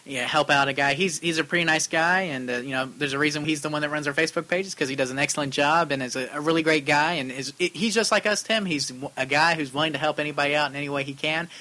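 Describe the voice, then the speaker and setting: A man co-hosting a casual arcade-repair podcast, reading out listener questions and chatting in a lively, talkative way, with his voice starting to go. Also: fairly high pitch, quick pace, few pauses. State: losing his voice. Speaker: co-host answering viewer questions on arcade repair.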